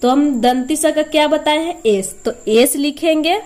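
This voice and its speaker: A woman's voice: sits high, unhurried, darkish tone. A woman teaching a spelling lesson step by step, patiently repeating each sound and answering her own questions.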